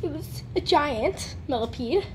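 A woman with a high voice chats to her viewers in a casual vlog, giggling and sounding jittery. She talks at an easy, drawn-out pace. A steady hiss of noise sits under her voice. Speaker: vlogger.

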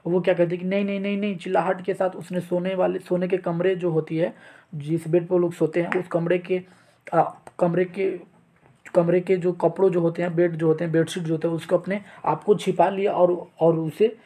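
A male teacher from India, explaining a chapter and reading its text, slow and halting, with restarts. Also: high voice, little pitch movement, dark tone. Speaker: English teacher. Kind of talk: chapter explanation mixing Hindi and English.

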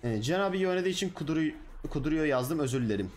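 A man's voice: on the high side, lively intonation, rapid-fire, a little mellow, faint music behind. A young man, a streamer, chatting casually and bluntly with his live chat, full of slang.

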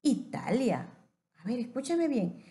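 A woman teacher giving a patient phonics lesson to young children, stretching words out slowly. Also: a little high, big pitch swings, mellow.

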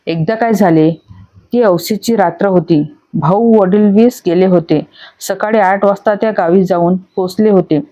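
Woman reading an audiobook story, steady and measured, warm mellow tone, kinda muffled audio. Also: mid-range voice. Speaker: audiobook reader.

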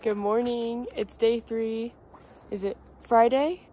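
A young woman films a travel vlog on her phone, held at arm's length, chatting casually in a bubbly, talkative way and saying "cute little" a lot. Her voice is fairly high with a fairly even intonation and a slow pace, and music plays in the background. She moves between ski slopes and snowy streets outdoors and a rental house indoors.

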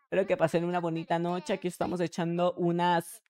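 Low-voiced Mexican woman streamer. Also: monotone, brisk, a little mellow. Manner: crude, joking, talks to chat. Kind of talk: casual live gameplay commentary.

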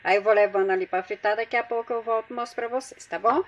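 On the high side and steady in tone, a woman's voice moves at a quick pace as she hosts a home cooking tutorial. She has a Brazilian Portuguese accent and chats with her viewers while she works in her kitchen, addressing them as "gente."

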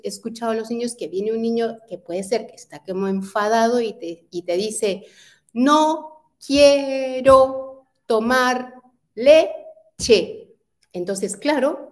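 A woman's voice: medium pitch, a little mellow. A woman presenting an educational webinar on early literacy, explaining step by step and asking rhetorical questions.

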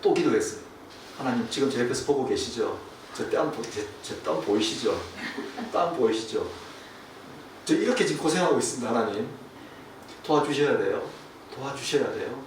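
A man, a pastor, preaching a sermon and telling a story, falling to a hush and then rising again. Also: medium pitch, lively intonation, fairly quick. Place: church sanctuary. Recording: distant, echoey room with faint hiss.

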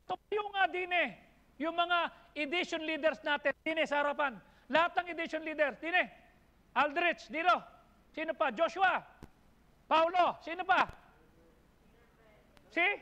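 Filipino pastor preaching in an echoing church. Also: male voice, very high voice, sharp tone. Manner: preaching in mixed Tagalog and English, rising emphatic lists. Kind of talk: sermon. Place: church hall. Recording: long hall reverb in a church.

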